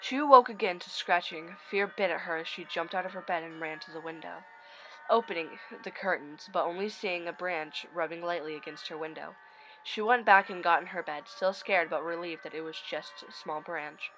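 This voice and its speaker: Female horror-story narrator, lowish bright voice, scripted read over faint music. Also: moderate pace, poor audio. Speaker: narrator of online horror stories.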